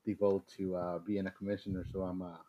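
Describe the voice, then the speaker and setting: A man's voice: deep voice, little pitch movement, fast talker. A man from Mexico, a guest on a podcast, chatting casually and rambling with many fillers and restarts. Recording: slightly dull lo-fi sound with faint noise.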